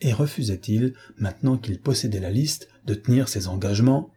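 Male narrator, very breathy husky voice, dark and mellow. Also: on the low side. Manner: measured, dramatic reading. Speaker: audiobook narrator. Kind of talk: scripted narration.

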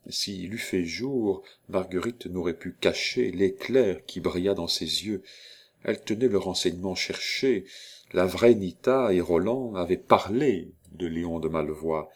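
Guy narrating an old novel, lowish voice, calm measured reading. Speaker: audiobook narrator. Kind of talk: classic novel read aloud.

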